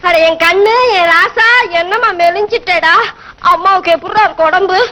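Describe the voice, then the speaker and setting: A loud, fussy old grandmother from a village in an old comedy film. She wails and laments in a shrill, very high sing-song. Her doting turns to wailing at the slightest worry. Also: steady tone, normal speed.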